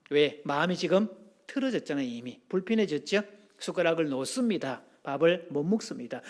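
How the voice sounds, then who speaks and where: High-voiced pastor, playful. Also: male voice. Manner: humorous, lively storytelling with questions to the congregation. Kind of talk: sermon. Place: church sanctuary.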